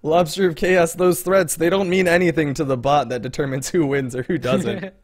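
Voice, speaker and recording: A chatty man hosting a livestream, his voice sitting a bit high for a man. He keeps an upbeat, casual tone and laughs often while running a giveaway for his viewers. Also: fairly even intonation, normal speed. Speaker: stream host. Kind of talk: casual livestream chat, giving away codes.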